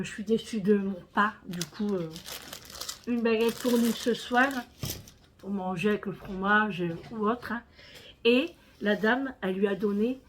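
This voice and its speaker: A woman's voice: mid-range voice, slight background noise. A French woman chatting casually to her viewers in a home vlog, talking to them as friends. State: out of breath. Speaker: vlogger.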